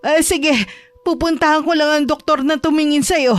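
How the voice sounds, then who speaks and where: A woman playing a worried, tender grandmother in a horror audio drama, coaxing her grandchild gently. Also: high-pitched, fairly even intonation, normal speed, faint music behind, voice pushed up, natural voice.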